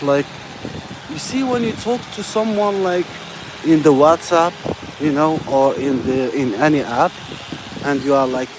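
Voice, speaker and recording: A man from Algeria, chatting casually on a live stream while walking down a city street, rambling and friendly, with "you know" and "bro" in nearly every phrase. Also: a little high. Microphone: phone. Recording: outdoor street noise with passing traffic. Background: urban ambience and vehicles.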